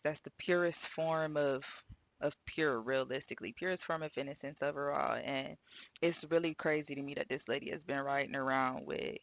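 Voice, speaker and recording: A woman's voice: low-pitched, fairly bright tone, poor audio. A woman hosting a true crime reaction, chatting casually, laughing often and slipping into mock scolding.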